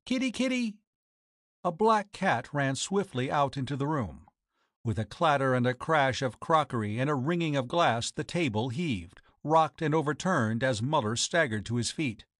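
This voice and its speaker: A man reading a mystery story aloud in a steady, measured way as audiobook narrator. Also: medium pitch, dry recording, clean studio sound. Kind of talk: scripted narration.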